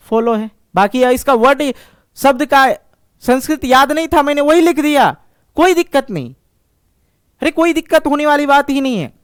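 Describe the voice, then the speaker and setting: High-voiced man teaching Sanskrit patiently. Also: clean tone, no room sound, clean studio sound. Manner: patient, reassuring, repeats words slowly. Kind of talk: online exam-prep lesson.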